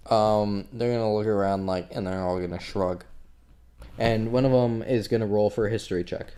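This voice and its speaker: A man's voice: lowish voice, fairly even intonation, moderate pace, dark tone. A man narrating as game master of a tabletop game in a casual, rambling way, full of fillers.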